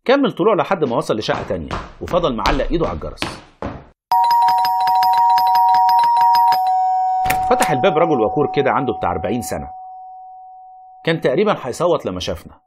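A man's voice: mid-range voice, wildly swooping pitch, racing, very noisy. An actor playing a wry, reluctant, learned Egyptian man who argues, explains and narrates in a radio play. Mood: wry narrating.

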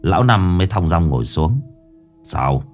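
A man narrating a ghost story in an expressive storytelling manner. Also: fairly low pitch, normal speed, faint music behind.

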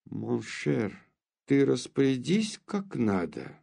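A man's voice: mid-range voice, huge pitch swings, takes it slowly, vocal fry, mellow, exaggerated voice. A man doing a flustered aging countess. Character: flustered aging countess, defensive then meek.

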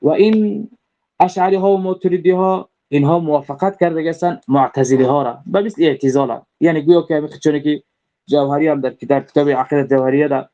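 A man's voice: on the high side, mellow. A man with a Tajik Persian accent gives a religious creed lesson, explaining step by step with repeated rephrasing and frequent hesitant fillers. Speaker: religious teacher. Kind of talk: lecturing on creed. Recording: dull lo-fi recording.

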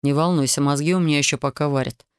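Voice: mid-range voice, fairly even intonation, fast, clear, resonant tone, dry recording, studio quality, pitched below the performer's own voice, natural voice. A reader voicing a stubborn young male officer who answers in a curt, restrained way in an audiobook. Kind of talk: audiobook character voice.

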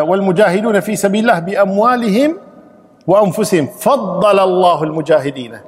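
Fast, high-voiced sheikh. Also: male voice, husky, in a large hall. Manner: emphatic, repeats key phrases, recites verses. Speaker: sheikh explaining Quran verses. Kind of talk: Quran exegesis lesson.

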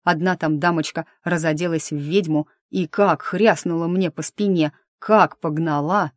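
A woman's voice: low voice, fairly even intonation, dry recording, clean studio sound, lightly acted. Woman voicing a cheeky young dragon show-off. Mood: aggrieved. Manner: boastful, sulky, drawn-out complaints. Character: cheeky young male dragon prankster, theatrical.

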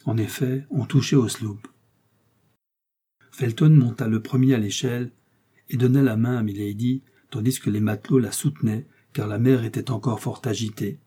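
A man reading a classic novel aloud as an audiobook narrator, measured and steady. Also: mid-range voice, breathy edge. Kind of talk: scripted narration.

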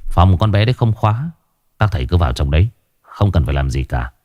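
A man voicing a cold ringleader giving low, curt orders. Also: big pitch swings, a little fast, darkish tone, dry recording. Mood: commanding. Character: cold commanding male ringleader.

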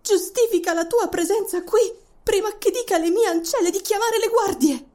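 A woman voicing a frightened, indignant young queen in an audiobook, speaking in shrill, panicked cries and stammers. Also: moderate pace, dark tone. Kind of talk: audiobook voice acting.

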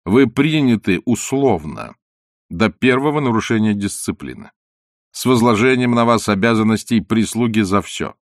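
A man's voice: lowish voice, expressive, moderate pace, dry recording. A man voicing a suave, ironic con man who gives dry, mocking orders.

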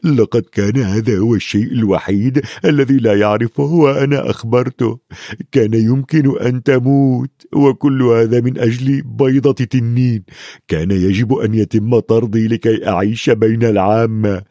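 A man voicing a huge, tearful half-giant gamekeeper in an audiobook, speaking slowly with a thick, heavy voice. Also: mid-range voice, fairly even intonation, mellow, no echo, lightly acted. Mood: guilty sobbing. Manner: slow, sobbing, remorseful. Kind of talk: audiobook character voice.

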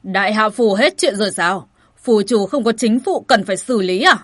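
An enraged, towering general barks his words in a loud, cold voice, as a woman reads him. The tone is husky. The sound is close and dry. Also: medium pitch, expressive, normal speed, no echo, lightly acted. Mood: angry shouting. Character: towering angry male general in armor.

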